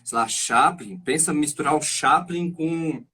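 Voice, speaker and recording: A man who acts and teaches singing, explaining his ideas in an animated, thinking-aloud way as a guest on a live stream over a video call. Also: fairly high pitch, unhurried, husky. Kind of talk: casual chat.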